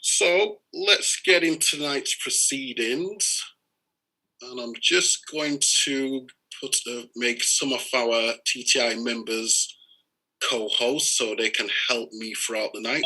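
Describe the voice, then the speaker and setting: A man's voice: mid-range voice, a little slow, bright, forceful tone, low-quality recording. A man hosting a live-streamed party meeting, polite and welcoming, with some fillers. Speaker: host of an online party meeting.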